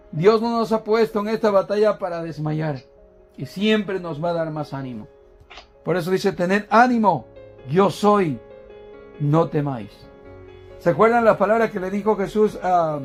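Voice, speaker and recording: In church, a man with a high voice delivers a sermon, frequently turning to the congregation with questions and calling them brothers. His speech loops back on itself with repeated and restarted words, and soft music drifts faintly behind.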